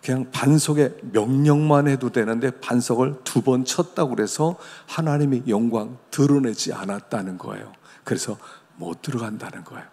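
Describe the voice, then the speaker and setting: A man's voice: mid-range voice, gravelly, a little mellow, breathy edge, big-room sound. A man preaching a sermon as pastor, talking conversationally and asking his listeners rhetorical questions. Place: church sanctuary.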